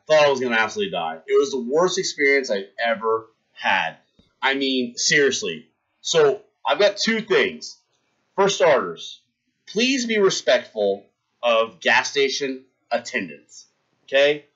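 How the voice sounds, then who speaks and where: This man in his thirties is streaming, working through a lengthy gross-out story for viewers with animated delivery and acted-out scenes. He speaks at a medium pitch and a little slowly, over dull-sounding audio.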